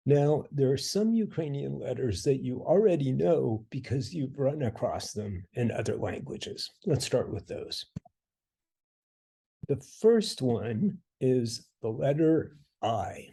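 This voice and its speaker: Man, language tutor voice-over: slow, gravelly, deadpan wit. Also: mid-range voice. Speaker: language teacher. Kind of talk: scripted narration.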